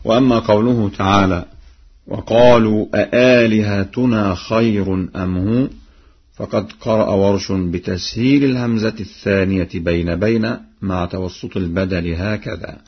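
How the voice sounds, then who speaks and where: A man teaching the readings of the Quran, explaining each variant plainly and then chanting the verse slowly to demonstrate it. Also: lowish voice, steady tone, slightly rough, lo-fi sound. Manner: alternates plain explanation with slow chanted recitation.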